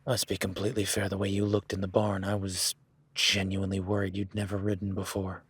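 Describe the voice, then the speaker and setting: For an audio roleplay, a man plays a folksy, easygoing cowboy ranch hand guiding a newcomer, rugged and plain-spoken, who drifts into casual swearing. He talks fairly quickly in a low, monotone voice that's a bit bright with a breathy edge, and there's no room sound.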